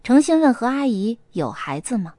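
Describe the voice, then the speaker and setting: A woman reads a story aloud, expressive and storytelling, with a lively, wide-ranging pitch. The recording is dry and close, with no room sound. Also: moderate pace, no room sound. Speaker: narrator. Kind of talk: audiobook narration with acted dialogue.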